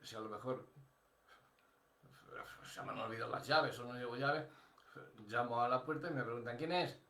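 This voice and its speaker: A man's voice: medium pitch, fairly even intonation, moderate pace, sharp tone, echoey room. An older man with a Spain Spanish accent preaching a sermon as pastor, conversational, thinking aloud with restarts and asides.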